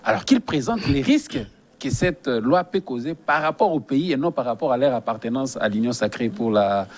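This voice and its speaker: A man's voice: medium pitch, lively intonation, moderate pace. A man from DR Congo, a guest giving earnest, emphatic political commentary in a studio interview and often repeating his phrases.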